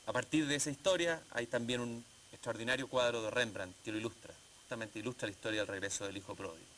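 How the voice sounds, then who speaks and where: A man hosting an interview program, speaking in a measured way and stretching some phrases slowly. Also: medium pitch, a bit bright, a little hiss or hum. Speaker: TV program host.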